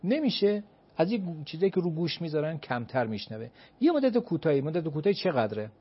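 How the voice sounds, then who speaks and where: A man explaining advice as an expert guest, his voice sitting a little high for a man. He talks emphatically, poses rhetorical questions and answers them himself, and lists his points in order. The recording sounds dull and lo-fi. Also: big pitch swings, breathy edge. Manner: counts off points one by one.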